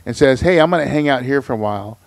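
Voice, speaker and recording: Man, podcast host, relaxed slangy storytelling, mid pitch, dry sound. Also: fast talker, vocal fry, dry recording. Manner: laid-back storytelling, slangy. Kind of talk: casual chat.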